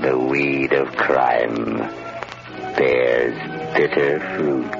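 The Shadow, ominous unseen avenger, cavernously deep, crawling slow, gravelly, old radio with music behind. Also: male voice, fairly even intonation, heavily acted. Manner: slow, doom-laden pronouncement. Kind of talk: 1930s radio drama acting. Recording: muffled old radio broadcast.

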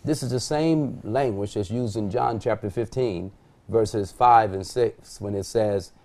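Man, middle-aged, pastor, reads scripture, rhetorical questions, mellow dark tone, TV studio. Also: on the low side, measured pace. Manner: reads scripture aloud, poses rhetorical questions and answers them. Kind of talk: Bible teaching on a TV panel. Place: TV studio set at a desk.

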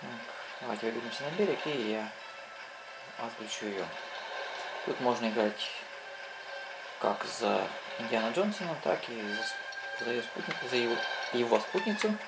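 A man giving casual gameplay commentary as a console reviewer, thinking aloud haltingly as he plays. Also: medium pitch, expressive, heavy background noise. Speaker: video game console reviewer. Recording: loud game music behind voice. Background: loud video game music.

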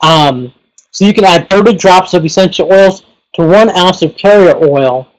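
Guy with a high voice walking thru his slides on a webinar, lots of "like" and "you know". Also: moderate pace, low-quality recording. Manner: rambling, heavy on fillers like "you know" and "like". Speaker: pranic healing teacher. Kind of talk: casual webinar presentation.

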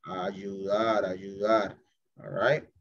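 Low-pitched and level, with drawn-out words, a man runs an English class by video call and demonstrates an app via screen share. He keeps it chatty, adds English phrases, and regularly checks in with "listo?" and "ok?". Call audio is dull and lo-fi.

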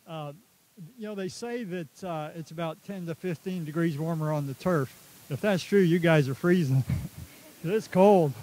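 At an outdoor stadium ceremony, a Texan athletics director gives a rambling speech through the stadium microphone, chuckling as he tells self-deprecating stories about himself. His voice is fairly high and mellow at a normal speed, and the recording quality is low.

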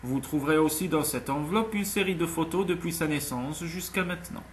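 A man's voice: on the high side, a little fast, slight background noise, close to an everyday voice. A man voicing a proud, anxious young single mother in an audiobook, speaking earnestly. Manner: earnest, tense, pleading. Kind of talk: audiobook character voice.

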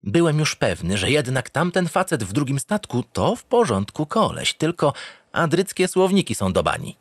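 A man with a fairly high voice and big swings in pitch narrates at a normal speed, recorded cleanly in a studio with no room sound. He performs a sci-fi comedy audio drama theatrically and playfully, as a cheerful, smug, dim-witted spaceship captain telling the story in scripted first person.

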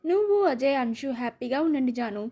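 An affectionate young friend in an audio storybook, cheering her friend on in a kind way. A woman reads her with a high, bright voice. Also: expressive, fairly quick. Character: young adult woman, warm encouraging friend.

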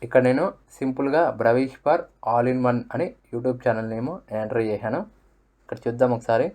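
A man's voice: medium pitch, steady tone, brisk, a little mellow. A man with a Telugu accent explaining step by step how to use a phone app, repeating menu words aloud. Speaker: tutorial presenter. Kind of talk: screen-reader app tutorial.

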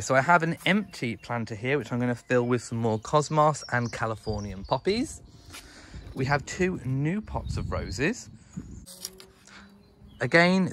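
A young English vlogger walks through his home garden and greenhouse, filming on a handheld phone. His mid-range, fairly bright voice is enthusiastic, with ums and restarts as he thinks aloud, over slight background noise.

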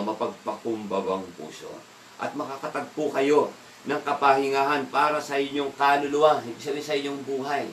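A man gives a casual evening devotional and keeps asking his listeners questions. His voice is middle-pitched and comes from a distance in an echoey room. A faint room hum sits behind him. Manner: asks the listeners questions, mixes in English words, laughs now and then. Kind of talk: conversational Bible devotional talk.

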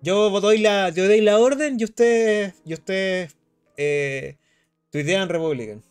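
A man's voice: sits high, slow, smooth, soft background music. A young man with a Chilean accent, chatting casually on a live stream and reading chat aloud. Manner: animated, slangy, reads chat aloud.

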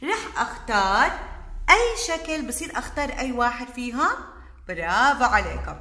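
Animated woman teaching small children. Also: fairly high pitch, fairly quick, echoey room. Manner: sing-song, praising often, drawing out sounds. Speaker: kindergarten teacher. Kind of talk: teaching letters and syllables to young children.

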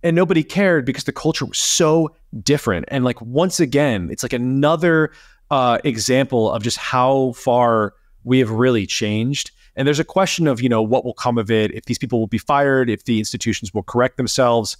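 A man co-hosting a podcast, talking in a casual, sarcastic and animated way. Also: moderate pace, no room sound, studio quality. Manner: animated, sarcastic, rising pitch on emphasis. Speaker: podcast co-host. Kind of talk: casual panel chat.

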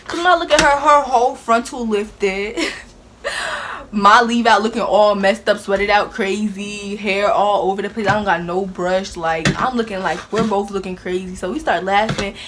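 A young woman tells a story straight to the camera, animated and dramatic, with her pitch around the middle for a woman. She keeps it casual and chatty and laughs easily. A steady hiss sits under the recording. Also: moderate pace. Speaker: vlogger.

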